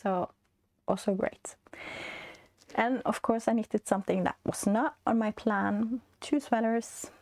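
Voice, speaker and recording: Norwegian lady with a blocked-up nose chatting about knitting, slow, lots of ums, kinda gravelly, dry close sound. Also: medium pitch, no room sound. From Norway. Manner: hesitant, many fillers, soft laughs. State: stuffy, congested. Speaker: knitting podcast host. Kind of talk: casual chat.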